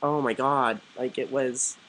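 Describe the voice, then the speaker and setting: A young man talks straight to his camera at home in a chatty, animated way, full of "like"s and sudden jumps into higher voices when he quotes people. His pitch sits in an ordinary middle range, and a faint hiss of background noise lies under the recording. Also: unhurried, rough recording. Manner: chatty, animated, quoting others in lively put-on voices, frequent "like". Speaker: vlogger. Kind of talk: casual storytelling to camera.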